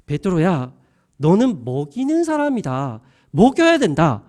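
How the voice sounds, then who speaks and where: A man acting out a gentle, insistent male teacher who keeps pressing the same question, in a high, animated voice. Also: measured pace, full character voice. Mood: urging. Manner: earnest, repeated questioning.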